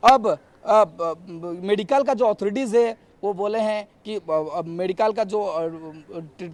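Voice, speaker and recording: A male news reporter speaking off the cuff, halting, with many fillers and restarts and repeated phrases. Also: sits high, a little mellow. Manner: repetitive, circling phrasing.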